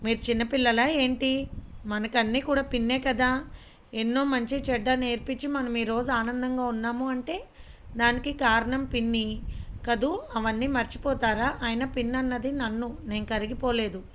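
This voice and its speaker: A woman's voice: fairly high pitch, steady tone, a little hiss or hum, lightly acted. A woman reading the lines of a fussy, childlike middle-aged wife who complains and scolds. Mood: scolding. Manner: pouting, complaining, quick-tempered.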